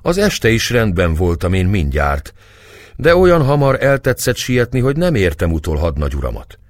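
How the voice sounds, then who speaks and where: A man's voice: lowish voice, very animated, no echo, voice pushed up. A man voicing a cheeky young manservant making excuses, in a dry audiobook recording. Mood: sheepish.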